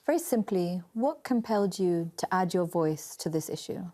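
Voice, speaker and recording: A woman's voice: fairly low pitch, lively intonation, moderate pace, warm tone. A woman hosting a broadcast interview, asking composed, formal questions and narrating the introduction. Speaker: interviewer, host.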